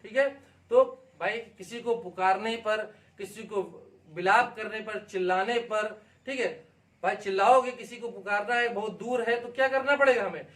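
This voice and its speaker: A man teaching an exam-prep lesson, explaining lively and often checking in with his students. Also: high voice, moderate pace. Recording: echoey room, distant mic.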